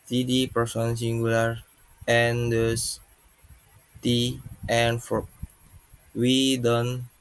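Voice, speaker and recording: A man presenting an English grammar lesson as a student, reading it out word by word in a halting way. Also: mid-range voice, no room sound, poor audio.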